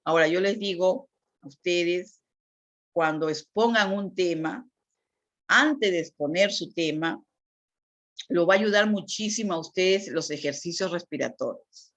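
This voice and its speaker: Speaking in a lowish voice at a measured pace, a woman teaches a lecture on communication. She explains things patiently and keeps checking in with tag questions, and the recording is dull and lo-fi.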